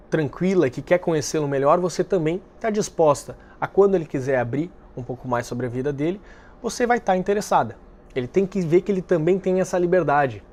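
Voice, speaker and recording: A man hosting a dating-advice video, speaking calmly and directly to the viewer, explaining step by step. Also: on the high side. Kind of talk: direct-to-camera advice talk.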